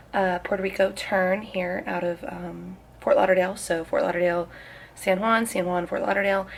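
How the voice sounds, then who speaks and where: A woman's voice: fairly low pitch, creaky, a little hiss or hum. A young woman with a Southern US accent, a flight attendant chatting casually to her phone camera in a rambling, tired way. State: tired morning voice. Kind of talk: casual vlog chat. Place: hotel room and airplane galley.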